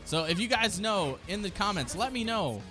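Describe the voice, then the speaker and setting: A video host in his thirties reacts to game trailers from his small streaming room, trailer music audible behind him. He talks at normal speed in a high, animated voice, and his reactions are eager, casual and full of slang.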